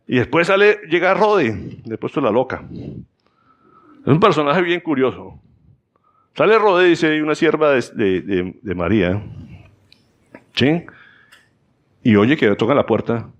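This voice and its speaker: A man with a Colombian accent preaching a Sunday sermon, telling the story with acted-out voices and frequent checks with the congregation. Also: lo-fi sound. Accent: Colombian Spanish. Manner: animated storyteller, acts out voices in high pitch, repeats "¿sí o no?". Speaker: pastor.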